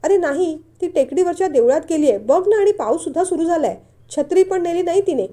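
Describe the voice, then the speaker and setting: A woman acting a chatty middle-aged aunt who answers briskly and matter-of-factly. The voice is high and quick. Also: expressive, dark tone.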